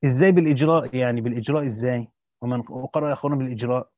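A man's voice: mid-range voice, rapid-fire, warm tone, dry recording. A man reading a classical commentary aloud to students and adding brief spoken asides. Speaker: teacher reading a Quran commentary. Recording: dry dull lo-fi recording.

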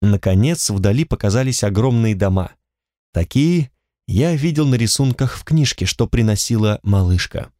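A man narrates an audiobook in the first person, in a measured, detached way. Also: lowish voice, animated, dark tone, no room sound, clean studio sound.

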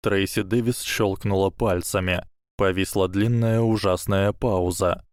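A man narrates an audiobook with a fairly low voice in a steady, measured read. The sound is dry and close, with no room in it. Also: clean tone, no echo.

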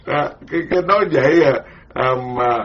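A man's voice: fairly high pitch, a little hiss or hum. A man giving a sermon as a Buddhist monk, colloquial and self-mocking. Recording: dull lo-fi sound.

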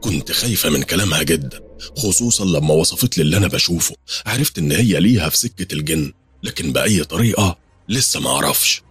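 A man's voice: sits low, lively intonation, fast talker, a bit bright, slightly rough, soft background music. A man with an Egyptian accent narrating a first-person horror story in a tense, confiding way.

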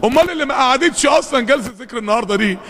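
A man's voice: extremely high pitch, animated, racing, fairly bright tone, a little hiss or hum. A man with an Egyptian accent preaching a fervent mosque sermon, full of rhetorical questions and calls to the congregation, recorded in a reverberant mosque hall. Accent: Egyptian Arabic.

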